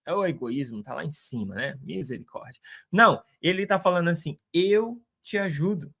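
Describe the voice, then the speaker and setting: A man's voice: on the high side, lively intonation, a little fast, gravelly, pushed and bright, breathy edge. A man giving an informal Bible lesson, talking conversationally, repeating phrases and checking in with tag questions. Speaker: Bible teacher.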